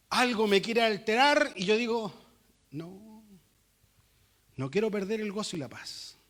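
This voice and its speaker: Chilean male pastor, high-pitched, animated sermon delivery with acted-out dialogue. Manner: animated preaching with acted-out quotes.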